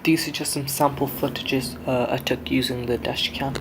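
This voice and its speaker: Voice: medium pitch, flat delivery, moderate pace, noisy background. A person giving a casual, explanatory product review, talking through features step by step in an informal way. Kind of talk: casual scripted-sounding product review narration.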